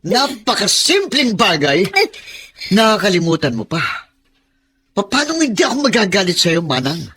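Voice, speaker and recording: A man's voice: sits high, big pitch swings, normal speed, pushed and bright, husky, full character voice. An actor in a Filipino radio drama playing a possessive, domineering older man who talks in an insistent, scolding and emotional way.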